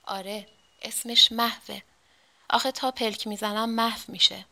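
A woman's voice: on the high side, flat delivery, vocal fry, bright, forceful tone. A woman voicing an earnest, agitated young male painter who talks in an urgent, pleading way, in a read-aloud story.

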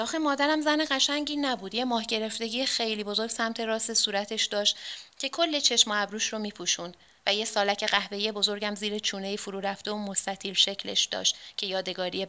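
Bright-voiced woman reading a story. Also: medium pitch. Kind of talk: scripted story narration.

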